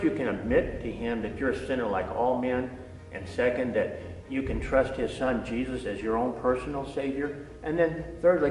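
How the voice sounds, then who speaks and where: An older man, a former navy diver, telling a personal testimony in an earnest, halting way with frequent restarts. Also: mid-range voice. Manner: earnest storytelling, frequent uh and repeated words. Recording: echoey hall, from a distance.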